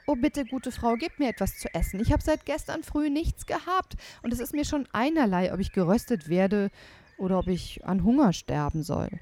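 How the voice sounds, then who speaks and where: A woman's voice: on the high side, animated, moderate pace, a little mellow, pitched above the performer's own voice, lightly acted. Woman doing a polite pleading boy. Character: hungry polite young boy Hans.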